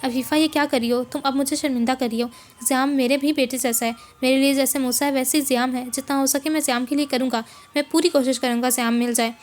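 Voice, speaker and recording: A woman voicing a calm adult man who urges a crying mother home and promises to help. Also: sits high, fast, soft background music, natural voice. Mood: reassuring. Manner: calm, reassuring. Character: helpful adult man, friend's husband. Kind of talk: novel reading.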